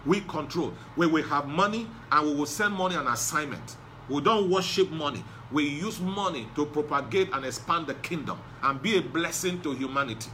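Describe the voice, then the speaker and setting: A man delivers a sermon in a high, bright voice. He hammers his points home through repetition. A faint noise hangs behind him. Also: fairly quick. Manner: preaching with emphatic repetition. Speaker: pastor.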